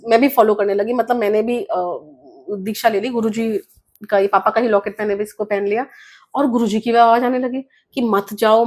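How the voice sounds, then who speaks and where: With a fairly high pitch and a darkish tone, a woman guest author tells a personal story in an interview. She is earnest and regularly drops English words into what she says.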